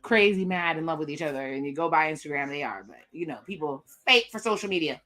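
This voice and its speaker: Bright-voiced woman recapping a dating show. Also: sits low, animated, fast. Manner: casual, recaps what cast members say, chatty asides. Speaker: reaction video host. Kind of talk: live reaction commentary.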